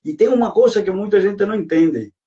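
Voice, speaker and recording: Cuban guy speaking portuguese, kinda high voice, sounds far off and muffled, lots of ehs. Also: fairly quick, warm tone. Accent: Cuban Spanish. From Cuba. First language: Spanish. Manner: earnest, hesitant with frequent fillers. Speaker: guest health expert. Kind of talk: live-stream talk.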